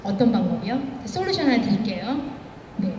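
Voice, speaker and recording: A woman's voice: a little high, big pitch swings, a little fast, warm tone, slight background noise. A woman guest speaker telling anecdotes on stage and acting out the quoted dialogue. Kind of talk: motivational stage speech with anecdotes. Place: large event hall. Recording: echoey hall, far from the mic.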